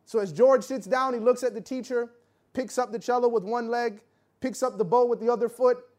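A man with a high voice preaches through a story. He acts out the people in it, then drops suddenly to a hush at the tense moments. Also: fairly even intonation, fairly quick. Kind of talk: sermon storytelling.

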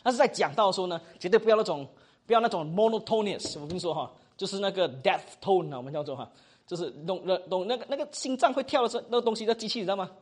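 一位马来西亚口音的男讲道老师在课堂上授课，说话生动随意，句尾常带"哈"。. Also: male voice, sits high, rapid-fire. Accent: Malaysian Mandarin. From Malaysia. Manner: animated, chatty, ends phrases with 哈. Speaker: preaching instructor. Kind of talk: classroom teaching.

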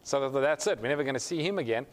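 A man's voice: mid-range voice, expressive, rapid-fire. A male pastor telling a story in a sermon, acting out the voices of the people in it. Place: church sanctuary. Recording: long hall reverb.

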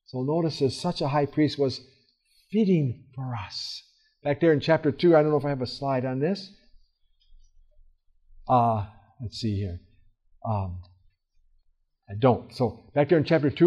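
A man leading a Bible study with a voice that sits fairly high for a man. He talks in an earnest, conversational way, full of fillers and restarts. His stressed words come out loud, and he drops to soft, quiet asides in between. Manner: casual, with many fillers and restarts. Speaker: Bible teacher.

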